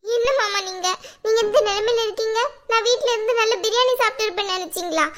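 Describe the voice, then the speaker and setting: A woman voicing a scheming, sharp-tongued older female relative who whines and accuses the family. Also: extremely high pitch, fast talker. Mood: whiny, accusing. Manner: whiny and accusing, melodramatic.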